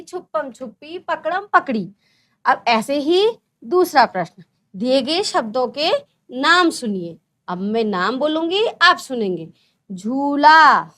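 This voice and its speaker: A woman teaching a first-grade language lesson, drawing out single words slowly in a sing-song way for young children. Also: sits high, a bit bright. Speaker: primary school teacher.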